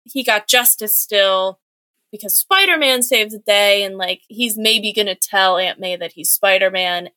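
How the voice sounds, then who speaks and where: Young woman on a podcast, super bright voice, chatty and full of "like"s, dry close sound. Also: fairly low pitch, dry recording. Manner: chatty, filler-heavy retelling with quick acted-out quotes. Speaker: podcast co-host. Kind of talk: casual chat recapping a comic book.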